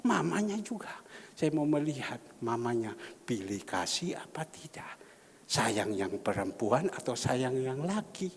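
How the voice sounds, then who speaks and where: A middle-aged man preaching a sermon as pastor, swinging between loud exclamations and hushed whispers. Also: mid-range voice, big pitch swings, a little slow, husky. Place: large church hall. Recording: long church reverb.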